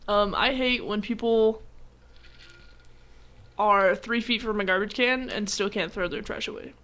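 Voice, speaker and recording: A young woman co-hosting a podcast in casual chat, emphatic and quick to push back. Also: medium pitch, a bit bright. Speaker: podcast co-host. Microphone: podcast microphone.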